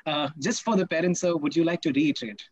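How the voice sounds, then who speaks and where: Wordy Indian-accented male moderator, fairly high voice. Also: fast talker, slightly rough, no echo, highs cut off. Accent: Indian English. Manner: wordy, deferential, formal. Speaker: panel moderator. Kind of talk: moderating an online panel discussion.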